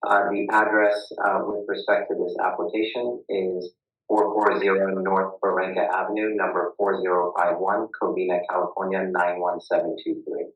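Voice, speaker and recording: A man gives formal testimony over a video call, stopping often with uhs and ums. His voice is low and muffled, like he is speaking into a tin can. The audio is dull and lo-fi with a roomy echo. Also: flat delivery, normal speed. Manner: hesitant, restarts with uh and um. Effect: muffled tin-can sound, as if talking into a can. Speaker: witness at a public hearing. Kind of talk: formal testimony with many fillers.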